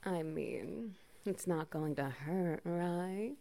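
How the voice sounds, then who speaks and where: A woman speaking a soothing ASMR comfort roleplay, soft and gentle, often slipping into a whisper. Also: fairly low pitch, lively intonation, slow, creaky. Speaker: ASMR performer.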